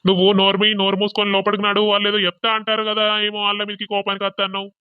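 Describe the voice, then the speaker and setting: A man voicing a middle-aged village father, loudly scolding and wailing in despair. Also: high voice, monotone, racing, clean tone, no room sound, phone-quality sound, natural voice. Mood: stern scolding.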